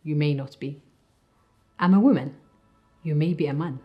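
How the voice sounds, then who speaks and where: A woman from Africa presenting a training module in calm, scripted narration. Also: deep voice, moderate pace, dull audio, soft background music.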